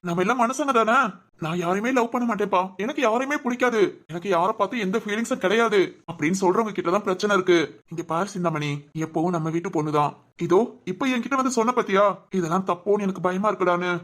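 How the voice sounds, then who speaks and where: A gentle, coaxing older brother in a family cartoon, voiced by a woman in her own mid-range voice. He talks quickly and warmly teases to calm his sister. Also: medium pitch, lightly acted. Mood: reassuring. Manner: gentle, coaxing, affectionate teasing. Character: caring older brother, teasing and reassuring. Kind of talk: cartoon voice acting.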